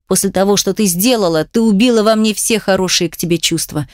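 A woman voicing an enraged jealous man who accuses his partner harshly and swears roughly. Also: mid-range voice, a little fast, no room sound, clean studio sound, natural voice. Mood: furious.

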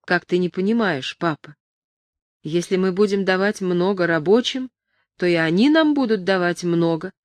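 A woman doing a patient, gentle young son. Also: on the low side, dry recording, studio quality. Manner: gentle, soothing, persuasive. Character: patient young adult son, calm and reasoning.

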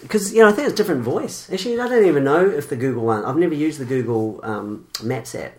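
A man's voice: a little high, animated, quick pace. A man with a New Zealand accent, co-hosting a podcast, talking in a rambling, self-interrupting way. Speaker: podcast co-host. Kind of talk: casual chat.

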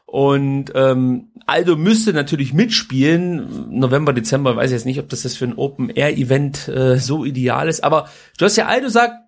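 A man's voice: mid-range voice, lively intonation, normal speed, vocal fry, hardly any pauses. A man hosting a podcast, giving casual news commentary in an informal, colloquial way with some crude slang. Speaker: podcast host.

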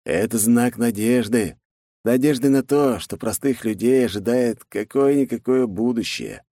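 A man voicing a scheming elder brother and rival who talks in a calm, mocking, measured way. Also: mid-range voice, breathy edge, no room sound, studio quality, pitched above the performer's own voice. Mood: cold, mocking.

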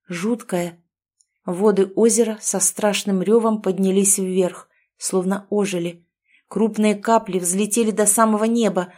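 A woman narrating a first-person audiobook in a steady, expressive storytelling manner. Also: medium pitch.

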